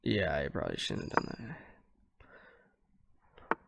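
A man's voice: very deep voice, huge pitch swings, measured pace, gravelly, fairly bright tone, slightly rough. A young man giving casual, thinking-aloud commentary as he plays a game at home. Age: young adult. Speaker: chess player. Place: small room at home.

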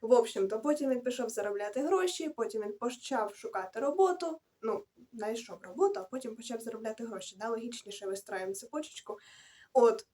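A woman's voice: fairly high pitch, animated, fairly quick, mellow. A young woman rambling casually through her book reviews in a vlog, correcting herself and adding slangy asides as she goes. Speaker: book vlogger.

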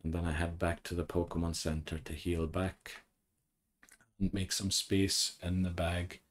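Deep, monotone male let's-play commentator; calm, analytical, voice wearing thin. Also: measured pace. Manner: calm, analytical and low-key. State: losing his voice. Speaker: gaming commentator.

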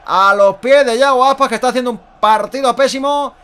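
At home in a small indoor room, a man in his thirties with a Spanish accent calls Spanish football goals live as a fan, exclaiming emphatically and repeating himself. His voice is very high, a little fast, and clean with a sharp tone.

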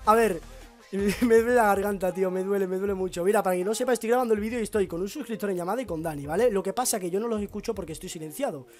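A hoarse young man with a Spain Spanish accent, excitably commentating his own gameplay as a YouTuber, breaking into shouts and rambling. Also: high-pitched, rapid-fire, faint music behind. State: hoarse, sore throat. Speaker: gaming YouTuber.

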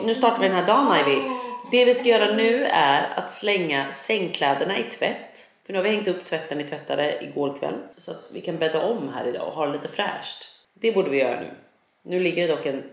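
A woman vlogging at home in a casual chat, animated and blunt, swearing freely and acting out little quoted asides. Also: on the low side. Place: home, indoors. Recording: echoey room, faint background noise.

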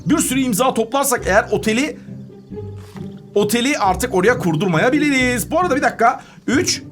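A woman narrates her gameplay for young viewers in a chatty, playful way, breaking into sing-song tunes. Her pitch leaps around, swooping up and down through every sentence, with soft music playing underneath. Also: expressive, a little fast. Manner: chatty and playful, sings little tunes and giggles. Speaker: kids' gaming channel host. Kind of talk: playful game commentary for children.

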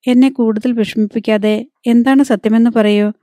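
Narrator doing a distressed young wife full of doubt, mellow tone, dry storybook sound. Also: female voice, fairly high pitch, fairly even intonation, moderate pace, dry recording, lightly acted. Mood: doubting, anguished.

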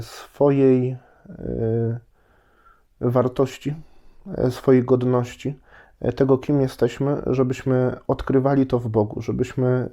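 A priest with a cold giving a short, unhurried Lenten meditation from his home, pausing often with hesitations. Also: mid-range voice, mellow. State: has a cold. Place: at home, indoors.

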